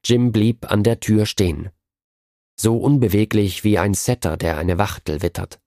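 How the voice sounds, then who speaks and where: A man narrating a story in a low, unhurried voice. The reading is measured and calm, recorded dry and close. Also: no echo.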